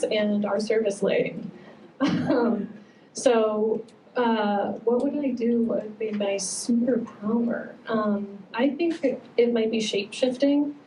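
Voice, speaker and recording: A woman's voice: fairly high pitch, dark tone, a little hiss or hum. A woman introducing herself as a conference panelist, wry and hesitant with fillers. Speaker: marketing panelist. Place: conference stage. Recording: distant mic in a conference hall.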